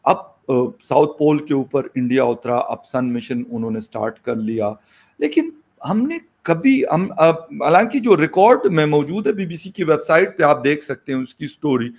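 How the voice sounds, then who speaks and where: A man's voice: on the high side, animated, normal speed, darkish tone. A man interviewing a guest, often chiming in with short words of agreement. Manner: frequent brief agreeing replies. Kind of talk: conversational interview.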